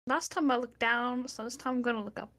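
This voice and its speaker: Higher-pitched woman playing tabletop games. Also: fairly even intonation, fast talker, fairly bright tone. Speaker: player in a tabletop game. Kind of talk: casual chat and in-game storytelling.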